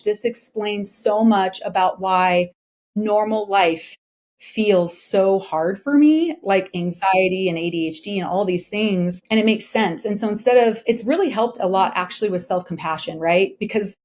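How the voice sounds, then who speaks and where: A woman in her 40s with a mid-range, darkish voice appears as a podcast guest. She talks candidly and emphatically in a personal conversation, often checking that listeners agree.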